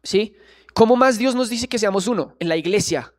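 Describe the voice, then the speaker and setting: A man's voice: sits high, moderate pace. A man preaching a sermon in church, earnestly questioning the congregation.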